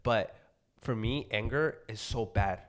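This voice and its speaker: Give me a profane, excitable young man from Mexico. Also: fairly low pitch, measured pace. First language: Spanish. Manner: profane, excitable, loud bursts when mimicking anger. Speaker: podcast guest. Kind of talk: casual chat.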